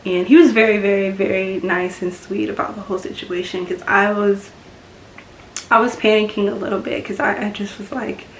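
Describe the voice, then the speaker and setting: A woman telling a personal story-time vlog, halting and full of fillers, sometimes getting emotional. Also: medium pitch, steady tone. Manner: halting, lots of fillers and restarts, emotional at times. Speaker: beauty vlogger. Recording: echoey room with faint background noise.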